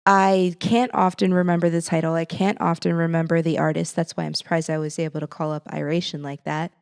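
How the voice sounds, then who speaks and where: A woman in her thirties co-hosts a casual podcast chat, with a slightly low voice. She explains things thoughtfully and laughs easily between thoughts. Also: little pitch movement, a little fast, creaky, darkish tone, smooth. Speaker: podcast co-host.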